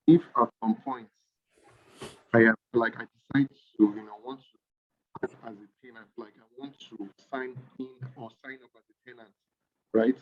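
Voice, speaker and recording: A man talking hesitantly in an online meeting, his voice cutting up and down in volume from a bad connection. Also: mid-range voice. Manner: hesitant, full of fillers. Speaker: meeting participant. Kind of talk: casual online meeting talk. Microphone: video call. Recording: dull lo-fi call audio.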